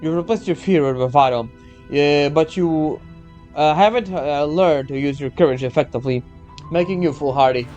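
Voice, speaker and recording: A man voicing a stern, self-critical female knight mentor in a game story, admonishing and halting. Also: a little high, a little mellow, muffled recording, faint music behind, lightly acted. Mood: instructive. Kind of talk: game story read aloud.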